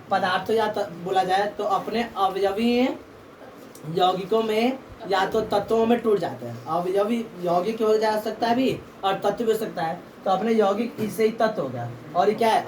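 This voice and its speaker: A woman's voice: mid-range voice, a little mellow. Woman teaching in an echoey classroom. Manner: asks the class questions and repeats answers. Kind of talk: classroom lesson. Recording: echoey room from far off, faint background noise.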